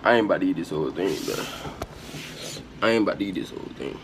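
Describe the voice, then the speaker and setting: Young man, lowish voice, animated intonation, casual vlog chat, noisy home recording. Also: fast. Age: young adult. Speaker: food challenge vlogger. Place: small room indoors at home.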